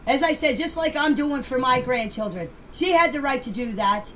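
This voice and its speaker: Her voice sits high with a fairly bright tone as this middle-aged or older group chat member leaves unscripted voice messages. She insists defensively, circles back on points, and stumbles over words and names; the homemade recording is noisy.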